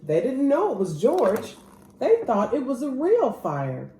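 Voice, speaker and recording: Lady reading a kids book aloud, super expressive, soft mellow tone, roomy echo w some noise. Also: on the high side, a little slow. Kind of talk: expressive children's picture book read-aloud.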